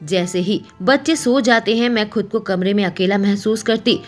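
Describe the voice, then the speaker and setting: A woman narrating a romance story in first person, emotional and expressive. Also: medium pitch, normal speed, soft background music.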